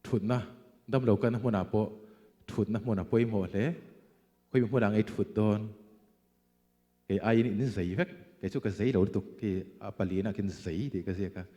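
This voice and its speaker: A man delivering a sermon in a mellow, dark voice. He is emphatic, pushing out loud bursts and then dropping to quieter asides. A long church-hall reverb trails after every phrase. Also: lowish voice, a little fast, muffled recording. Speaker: preacher.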